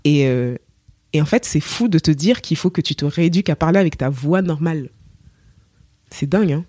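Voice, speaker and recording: A young woman from Cameroon, a singer, chatting as a podcast guest and telling her story with lively acted-out quotes and many fillers. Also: sits low, moderate pace, no echo, studio quality. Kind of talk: casual interview chat.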